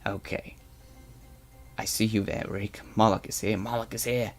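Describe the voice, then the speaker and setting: Faint music plays behind a man with a fairly low, natural voice doing a live stream chat roleplay in character. He plays a boastful Slig guard turned propaganda newscaster, speaking flatly at a moderate pace. The put-on accent is weird, and he blusters and rambles, restarting with stammers.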